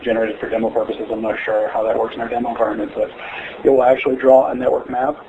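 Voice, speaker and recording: A man's voice: medium pitch, level tone, quick pace. A man answers a webinar question in an easygoing way, hedging as he goes. His voice comes through a thin, phone-like line with a faint hiss.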